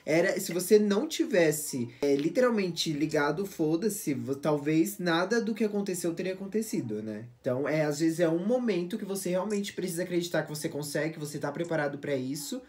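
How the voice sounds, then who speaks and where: Low-voiced woman hosting a chat. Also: animated, brisk, few pauses, darkish tone. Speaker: host. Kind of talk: casual interview.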